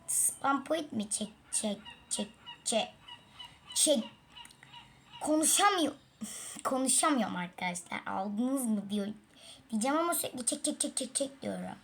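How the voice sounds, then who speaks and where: Woman, gaming host, casual let's-play chatter on a tablet, slightly high-pitched, sighing at her fails. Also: lively intonation, unhurried, a little hiss or hum.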